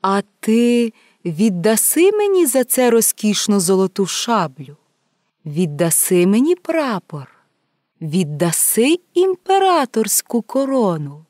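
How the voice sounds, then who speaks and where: A woman voicing a small gentle nightingale. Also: mid-range voice, very animated, slow, no room sound, studio quality. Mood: bargaining. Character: small living male nightingale, gentle and bargaining. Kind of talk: storybook reading.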